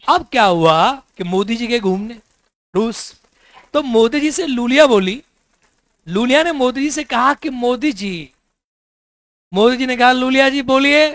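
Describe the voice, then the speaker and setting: A man's very high, animated voice comes unhurried and a bit bright, with frequent pauses, in a dry recording. He teaches a class lecture-style, quizzing students with repeated questions, asking them to repeat answers, and teasing and joking along the way.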